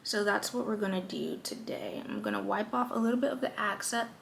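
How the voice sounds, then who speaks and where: Her mid-range voice is creaky and a bit bright, moving fairly quickly over slight background noise. The young lifestyle vlogger jokes her way through her everyday makeup routine at her vanity in a casual, chatty tutorial.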